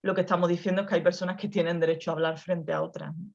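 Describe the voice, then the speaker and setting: A woman with a softened Andalusian accent, speaking reflectively on a video call, with many restarts and tag questions. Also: on the low side, level tone, rapid-fire, lo-fi sound. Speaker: guest author. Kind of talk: conversational talk over video call.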